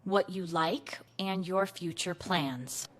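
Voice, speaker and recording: She has a fairly low voice and takes a slow pace while leading a scripted class for English beginners. Her delivery is clear, patient and encouraging.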